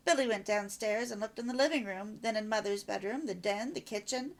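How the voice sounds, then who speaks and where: A woman reading an old children's storybook aloud in an expressive, warm way. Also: mid-range voice, brisk. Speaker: storybook reader.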